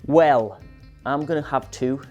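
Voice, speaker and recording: A man on a panel show, trading dry, sardonic opinions. His voice is dark and mellow. Soft music plays under him. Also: medium pitch, slow pace, muffled recording. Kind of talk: casual panel chat.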